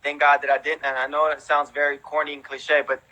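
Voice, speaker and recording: Brisk and completely flat, this man's pushed, bright voice sits on the high side, and the audio is poor. He's in his thirties, a Mexican-born, Houston-raised veteran breakdancer with an American accent. Guesting on an interview, he spins stories informally with lots of "you know" and "man."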